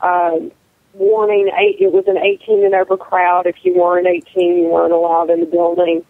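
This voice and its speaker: A woman's voice: fairly low pitch, flat delivery, normal speed, no room sound. Blunt, matter-of-fact female co-host heard over a tinny, dry phone line. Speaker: co-host, wrestler. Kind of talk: casual radio chat.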